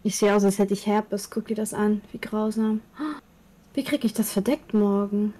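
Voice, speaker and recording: Woman, mid pitch, playful teasing banter, fussing over her looks. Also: little pitch movement, normal speed, warm tone, low-quality recording. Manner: teasing, self-critical. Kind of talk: casual chat.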